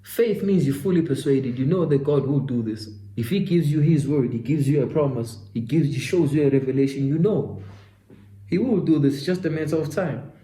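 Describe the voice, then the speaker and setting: A man in his twenties, a self-development vlogger, delivers a faith-driven motivational monologue with a slightly high, dark voice at a moderate pace. He's preachy and repetitive, calling both himself and the listener "my guy." The rough recording carries a lot of reverb.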